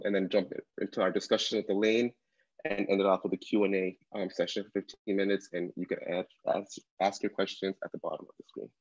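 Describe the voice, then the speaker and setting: A man in his thirties with a lowish voice hosts a live online interview from a desk chair in an indoor room, reading introductions with small slips. He is the event host, speaking into a webcam on a video call, and the audio is dull and lo-fi with no echo.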